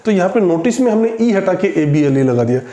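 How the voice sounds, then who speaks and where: A man teaching an English spelling lesson, spelling words out slowly letter by letter. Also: high-pitched, sing-song, warm tone. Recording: echoey room.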